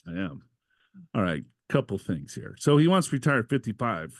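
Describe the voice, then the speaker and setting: Male podcast co-host, mid-pitched, reads letters with jokey asides, dry close sound. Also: sing-song, brisk, gravelly, dry recording. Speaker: co-host reading listener questions. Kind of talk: casual podcast banter.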